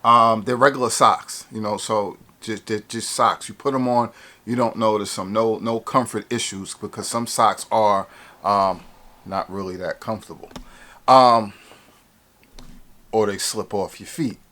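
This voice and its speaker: A man's voice: on the low side, fairly even intonation, a little slow, sharp tone. A man in a casual product review vlog, chatty and hyped, restarting his sentences with lots of ums. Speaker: fitness vlogger reviewing gear.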